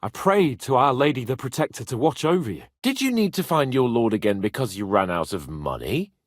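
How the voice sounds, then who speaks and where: For a video game, an actor voices a haughty young medieval lord who is imperious and hot-tempered but also playful, teasing, and fond of his companion. His delivery is very dramatic and animated with wide pitch swings, yet the mood here is calm and wry, recorded dry and close with no echo.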